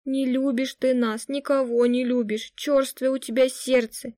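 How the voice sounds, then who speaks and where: A woman reading aloud puts on a bewildered middle-aged mother who pleads plaintively, close to tears. Her voice rises well above the reader's own and stays mellow. The sound is dry and close. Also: high voice, level tone, measured pace, no echo, pitched above the performer's own voice. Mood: pleading. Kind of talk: audiobook reading.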